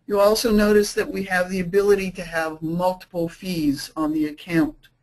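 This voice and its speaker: A woman presenting a software webinar, explaining features casually with frequent fillers and restarts. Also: on the low side, level tone, poor audio. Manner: says she is talking too fast. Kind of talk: screen-share product demo.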